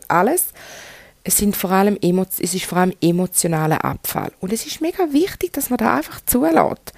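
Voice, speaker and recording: Frank Swiss German woman, gravelly. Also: medium pitch, darkish tone, no echo. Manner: frank and chatty, addresses the listener directly. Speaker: podcast host. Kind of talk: candid solo podcast monologue.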